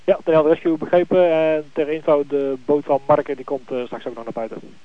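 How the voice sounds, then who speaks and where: A man's voice: a little high, level tone, a little fast. A man working as a coast guard radio operator, using formal call-and-confirm radio procedure with frequent hesitations, heard through a crackly radio transmission. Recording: tinny radio with static hiss.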